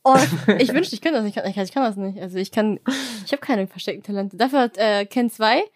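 A woman's voice: mid-range voice, fast, no echo, studio quality. A woman hosting a casual chat, asking questions and joking about herself with frequent laughs. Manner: self-deprecating, laughs often.

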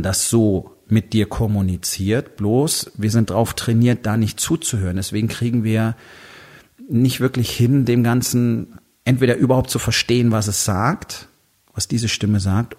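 A man with a husky voice talking to the listener in a casual monologue, blunt and crude, full of fillers, acting out his own inner doubts as quoted asides. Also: mid-range voice, fairly even intonation, normal speed, a little mellow. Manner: blunt and conversational, with crude words and many fillers.

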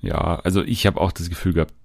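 A man with a very low voice hosts a relaxed chat, talking loosely with frequent fillers and restarts. His voice sounds dry and close, with almost no room around it. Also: fast, vocal fry, no room sound. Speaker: podcast host. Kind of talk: casual chat about TV.

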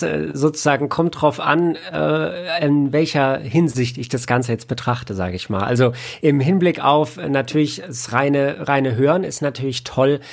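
A man with a mid-range, creaky voice is a guest on an interview, where he works as an audiobook editor and producer. He explains what he does in a casual, reflective way.

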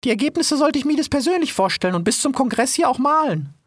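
A woman's voice: sits high, lively intonation, fast, dry recording. A woman playing a polite little mouse. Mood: earnest. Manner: very polite, formal and eager. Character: polite, chatty female mouse surveyor. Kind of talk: audio drama acting.

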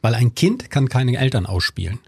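Man, middle-aged, husky, dry close sound, counselor explaining with fillers. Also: mid-range voice, sing-song, normal speed, darkish tone, no echo. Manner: explanatory, uses hesitation fillers. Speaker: family counselor and speaker. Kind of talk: conversational expert advice.

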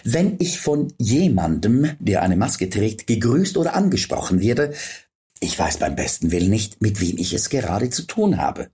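A man telling a comic story in an ironic, animated way, as a comedian. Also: fairly low pitch, moderate pace.

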